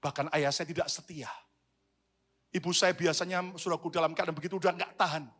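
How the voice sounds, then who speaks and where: Guy pastor preaching hard, high bright voice, makes the crowd repeat lines back. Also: brisk. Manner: energetic preaching with call-and-response to the congregation. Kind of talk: sermon.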